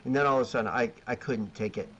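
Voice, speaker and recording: A man's voice: mid-range voice, quick pace, fairly bright tone. A man on a video call, telling rambling catering and grilling stories in casual chat, laughing at himself. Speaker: BBQ caterer, guest. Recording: dull lo-fi sound with faint noise.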